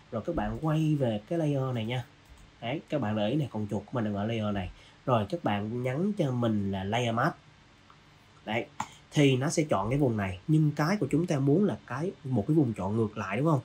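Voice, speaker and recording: A man's voice: medium pitch, darkish tone, a little hiss or hum. Casual man talking through a tutorial. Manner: casual, walks through steps with many fillers. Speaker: design tutorial host. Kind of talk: screen-recorded software tutorial.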